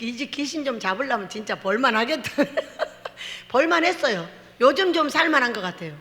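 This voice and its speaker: A woman pastor preaching a lively sermon, telling stories with laughter and acting out quotes in a church. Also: sits high. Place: church sanctuary. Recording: long hall reverb.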